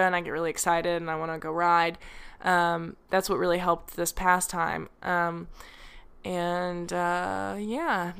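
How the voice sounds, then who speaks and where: With a lowish, smooth, fairly bright voice, a young podcast host chats from home, full of fillers and self-deprecating asides. She rambles casually and keeps drifting away from her home microphone.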